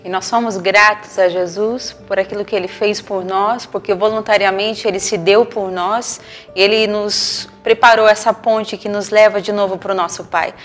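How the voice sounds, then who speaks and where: A Brazilian woman preaching with a gentle, reflective voice at a middle pitch. Soft music plays underneath her words. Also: fairly even intonation, moderate pace. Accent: Brazilian Portuguese. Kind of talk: sermon.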